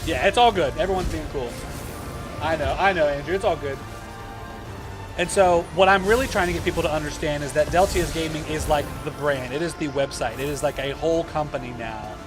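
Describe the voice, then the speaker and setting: A man's voice: on the high side, fairly quick, over music. A man hosting a gaming livestream, chatting casually and rambling as he answers viewers' questions.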